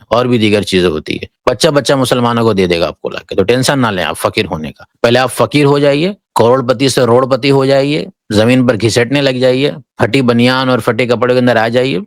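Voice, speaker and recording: A man's voice: mid-range voice, no echo. Dry, sarcastic cleric man. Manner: sarcastic, mocking preachy tone. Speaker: Islamic cleric and online commentator. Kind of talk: reaction commentary.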